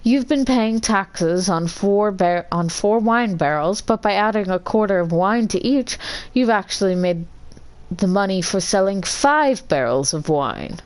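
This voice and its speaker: A woman's voice: mid-range voice, lively intonation, measured pace, natural voice, low-quality recording. A woman voicing a judge in a game, asking pointed, probing questions in her own voice. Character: stern judge questioning a fraud suspect.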